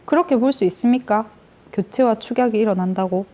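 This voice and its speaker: Teaching grammar in a step-by-step lecture, a woman asks questions and then answers them herself. Her voice is a little high and warm, and she moves briskly.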